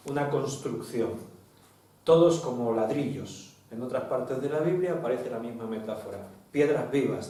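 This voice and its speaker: A man's voice: mid-range voice, warm tone. A man with a Spain Spanish accent, a pastor leading a Bible study and putting questions to the congregation. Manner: teaching, asks the congregation questions. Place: church hall. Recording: very echoey hall, distant mic.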